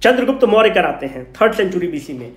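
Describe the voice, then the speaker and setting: A man with a high, sing-song voice and a Bihari Hindi accent speaks fast, lecturing informally as an exam coach. He emphatically asks questions, answers them himself, and repeats key points in colloquial speech. The room is echoey.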